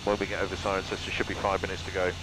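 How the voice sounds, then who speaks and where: A man's voice: sits low, completely flat delivery, rapid-fire. A man training as a pilot, talking like a pilot over the radio with clipped procedural calls and checks from a cockpit headset. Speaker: student pilot. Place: small microlight aircraft cockpit in flight. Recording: engine-noisy cockpit intercom. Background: aircraft engine drone.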